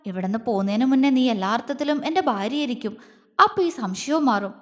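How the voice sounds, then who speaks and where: A woman's voice: a little high, lively intonation, brisk, close to an everyday voice. Woman voicing a teasing tender young husband. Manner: soft coaxing, teasing. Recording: long reverb.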